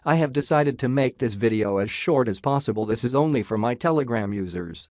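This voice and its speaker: A man's voice: medium pitch, lively intonation, fairly quick, darkish tone, dry recording, clean studio sound. A man whose voice runs through a robot voice filter, walking casually through price charts and joking as he goes. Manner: jokey, says "lol" aloud. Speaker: crypto chart analyst. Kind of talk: casual screen-share chart walkthrough.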